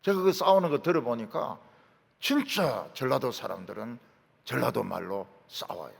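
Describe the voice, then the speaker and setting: Animated, gravelly preacher. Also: male voice, mid-range voice, moderate pace, big-room sound. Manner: emphatic, punctuates with short affirmations and rhetorical questions. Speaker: pastor. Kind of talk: sermon. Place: large church sanctuary.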